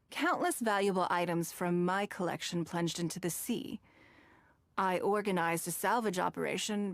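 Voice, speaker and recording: In a video game role, a woman voices a shrewd, rich businesswoman who commands coolly, delivering measured, eloquent, formal lines with a knowing, pointed edge. Her mid-range voice is lightly acted and recorded without echo.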